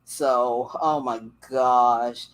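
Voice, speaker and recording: A woman hosts a livestream on a livestream setup, chatting casually and rambling through stories. Her voice rumbles low with fairly even intonation, and she draws out her words. The recording is rough.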